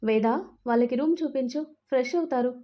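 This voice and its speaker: Storybook role: confident caring young man, mellow tone, read by a woman narrator. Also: very high voice, fairly quick. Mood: reassuring. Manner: gently teasing, reassuring.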